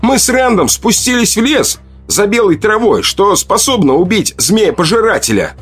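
A man's voice: sits high, big pitch swings, moderate pace, a bit bright, breathy edge, soft background music, voice pushed up, exaggerated voice. Brief: earnest young tribesman, voiced by a man, raised and insistent, audiobook. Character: young male tribesman, stubborn healer standing his ground.

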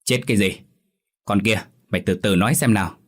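A man's voice: fairly low pitch, brisk, breathy edge. A man voicing a grieving old grandmother who wails and cries out. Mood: scolding. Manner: wailing, sobbing.

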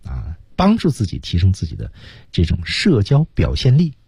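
Husky, chatty male radio teacher. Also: deep voice, wildly swooping pitch, moderate pace, a little mellow, no echo. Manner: chatty, lots of filler particles. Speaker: radio English teaching host. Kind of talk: casual radio lesson chat. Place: radio studio.

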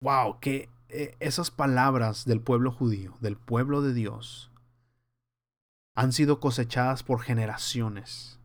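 A man's voice: medium pitch, slow pace. A man teaching a verse-by-verse Bible study, earnest and conversational, warning his listeners in a preaching tone. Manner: acts out scenes in lively voices.

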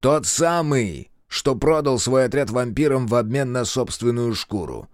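A man's voice: mid-range voice, expressive, measured pace, no room sound, studio quality, lightly acted. A man voicing a brash, insolent captive creature with long ears, who howls and snarls his words. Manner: howling, shouting and snarling.

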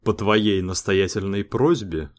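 A doomed crewman drawls dry, sarcastic remarks in a low voice, as a man reads him aloud. He sounds flat and indifferent in this spoken science-fiction story. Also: measured pace, natural voice. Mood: sardonic.

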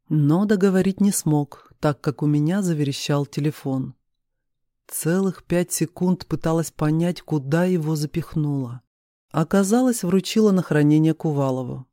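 An audiobook narrator giving an expressive, steady first-person reading of a romance novel. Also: medium pitch, unhurried, dry recording, clean studio sound.

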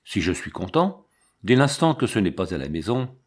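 A man's voice: fairly low pitch, sing-song, moderate pace. A man reading the part of a loyal, discreet old family servant, earnest and respectful, for an audiobook. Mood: devoted.

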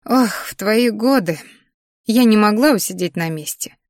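Gentle slow old grandma, read by a woman, soft and fond, dry close sound. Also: medium pitch, expressive, no echo, lightly acted. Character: kindly elderly grandmother.

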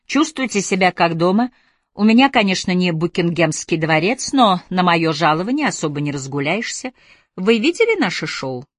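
A woman's voice: lowish voice, sing-song, normal speed, no echo, clean studio sound. A woman reading an audiobook voices a cheeky, chatty young actress with breezy banter. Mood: chirpy.

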